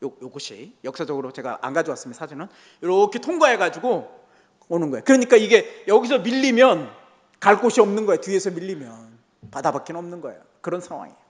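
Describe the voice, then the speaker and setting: A man's voice: sits high, very animated, fast talker. An older male pastor preaching a Sunday sermon, emphatic and repeating key phrases for weight. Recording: reverberant church hall.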